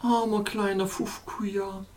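Reader doing a soft worried storybook princess, a touch higher, pleading. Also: measured pace, natural voice. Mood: sorrowful. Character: young ice princess, tender and worried. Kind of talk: audiobook character voice.

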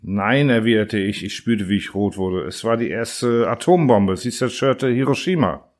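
A man reading a first-person story aloud as an audiobook narrator, in a measured storytelling manner. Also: fairly low pitch. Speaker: audiobook reader. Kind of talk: scripted narration.

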